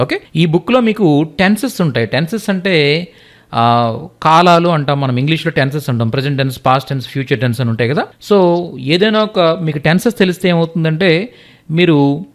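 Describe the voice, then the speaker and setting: A man teaching a spoken language lesson, repeating example phrases and often checking that the learners follow. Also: on the high side. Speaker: Hindi teacher. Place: teaching at a writing board.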